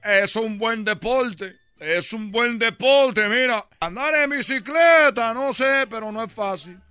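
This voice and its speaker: In a full character voice, a man plays a bragging baseball player for a radio comedy sketch, slow and very high-pitched, pushed and bright yet clear and resonant. Soft music plays with no room sound as he teases and chuckles brashly in a put-on, R-dropping Caribbean Spanish accent.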